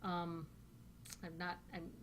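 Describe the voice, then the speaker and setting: This vlogger talks slowly in a low, monotone voice that's a bit bright, with a little hiss or hum in the recording. A native English speaker with a central Northern Californian accent, she rambles casually through a dialect questionnaire, full of fillers.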